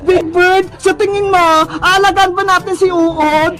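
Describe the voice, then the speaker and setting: A woman voicing an excitable, easily scared young girl in a cartoon, squealing, tearful and often shouting, with loud music behind. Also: extremely high pitch, unhurried. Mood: excited. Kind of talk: cartoon voice acting.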